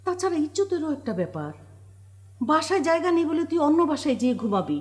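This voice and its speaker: A woman's voice: sits high, very animated, fast. An actress playing a strict, firm middle-aged mother in a TV drama, giving orders to her sons. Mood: stern. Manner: firm, commanding. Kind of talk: Bangla TV drama acting.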